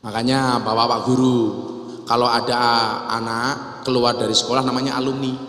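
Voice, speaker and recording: A man preaching a humorous sermon, swinging between loud exclamations and quiet asides. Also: mid-range voice, little pitch movement, a little fast. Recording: echoey hall with long reverb.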